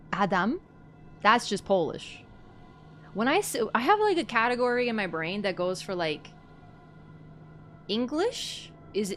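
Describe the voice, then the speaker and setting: A young woman from Canada chatting on a live stream, rambling, giggly and quick to apologize. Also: mid-range voice, a bit bright, slight background noise. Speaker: livestreamer. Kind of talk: casual live-stream chat.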